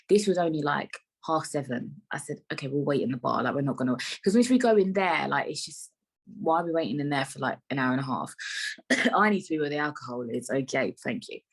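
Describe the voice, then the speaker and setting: A young woman hosts her own podcast and chats in a loose, rambling way, talking straight to her listeners. Her voice sits low, with a husky, breathy edge. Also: poor audio. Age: 20s. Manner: chatty, rambling, full of "like" and asides to listeners. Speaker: podcast host. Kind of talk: casual solo podcast chat.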